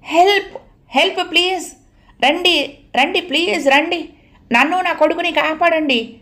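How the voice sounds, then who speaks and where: A woman's voice: fairly high pitch, fairly quick, natural voice. A woman voicing a desperate young mother who pleads and screams for help in an audio novel. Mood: screaming.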